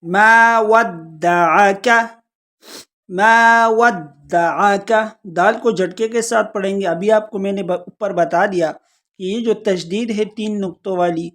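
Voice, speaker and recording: A Quran recitation teacher, explaining pronunciation step by step and slowly drawing out each example word. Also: medium pitch, fairly even intonation, darkish tone. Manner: slow, drawn-out recitation of examples between explanations.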